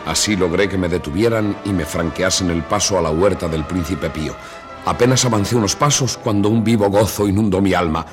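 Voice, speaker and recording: Deep reflective narrator, played by a man. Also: close to an everyday voice. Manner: reflective, measured. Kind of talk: radio drama narration. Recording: radio play with music behind.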